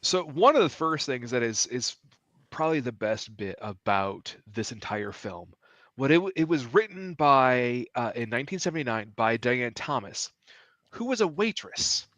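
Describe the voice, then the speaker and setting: A man's voice: mid-range voice, big pitch swings, normal speed, a bit bright, dry recording. A man co-hosting a casual podcast, chatty and telling behind-the-scenes stories, a bit stuffy from allergies. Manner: chatty, trivia-sharing storyteller. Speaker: podcast co-host. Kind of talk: casual chat.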